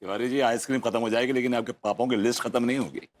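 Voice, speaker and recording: An actor playing a witty, smug neighbour who teases and lectures in a TV sitcom. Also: male voice, mid-range voice, steady tone, very fast, noisy background, close to an everyday voice. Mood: teasing. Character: witty middle-aged neighbour, teasing and smug. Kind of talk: sitcom acting.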